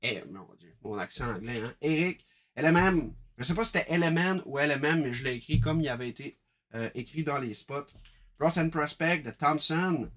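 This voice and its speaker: A man with a Quebec French accent hosts a live card-break stream, chatting briskly and calling out each card as he opens the packs. His voice is a little high and a bit bright, with lively intonation.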